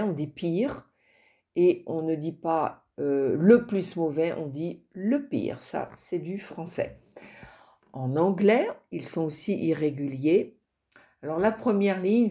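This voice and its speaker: A woman teaching English grammar in French in a recorded lesson, explaining slowly with frequent hesitations. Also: on the low side, mellow. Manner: slow, explanatory, with many hesitations.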